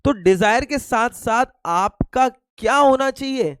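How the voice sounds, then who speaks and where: A high-voiced young man with an Indian accent gives an online lecture, his throat a little hoarse. He teases his students and fires questions he answers himself. The sound is close and dry, with no room around it. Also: animated, takes it slowly, fairly bright tone, dry recording, poor audio. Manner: joking, asks and answers his own questions. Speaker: teacher.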